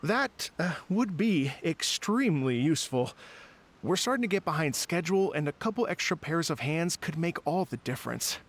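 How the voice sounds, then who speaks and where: A man's voice: fairly high pitch, expressive, normal speed, slight background noise. An actor playing a courteous young male event organizer who hesitates with small fillers and sounds a little fussy. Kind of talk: video game voice acting.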